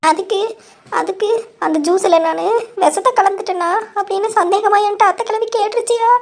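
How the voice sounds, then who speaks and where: A woman voicing a quick-tongued, dramatic young daughter-in-law in a cartoon, sassy and defiant. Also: sits high. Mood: whining. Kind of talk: cartoon voice acting.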